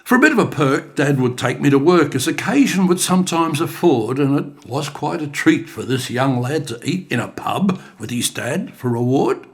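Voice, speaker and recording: An older man reciting his own poetry in an expressive, dramatic style in a studio. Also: a little high, moderate pace, hardly any pauses. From Australia. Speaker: bush poet. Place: creative studio.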